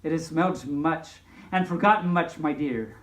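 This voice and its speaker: A woman voicing a sly male storybook wolf with a soft, coaxing manner. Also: sits low, moderate pace, echoey room, voice pushed down, lightly acted.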